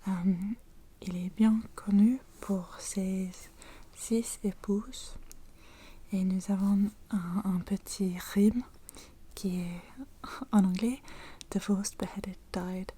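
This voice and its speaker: Soft-spoken ASMR woman, French, mellow and unhurried, close intimate whisper. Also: mid-range voice, fairly even intonation, breathy edge. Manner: slow, halting whisper with frequent pauses and restarts. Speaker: ASMR creator. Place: indoors at home.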